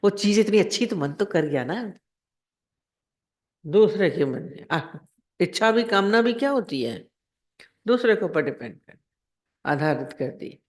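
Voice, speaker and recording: A woman's voice: medium pitch, sing-song, unhurried, long pauses. A woman spiritual teacher giving a discourse, explaining in a conversational way with everyday examples and rhetorical questions.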